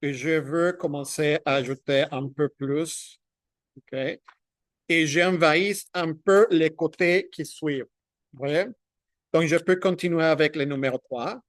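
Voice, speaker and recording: Slow, halting man teaching marker drawing. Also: on the high side, fairly even intonation, no room sound, clean studio sound. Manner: halting, thinks aloud while demonstrating; checks in with "ok?" often. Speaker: drawing instructor. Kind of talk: hands-on drawing tutorial.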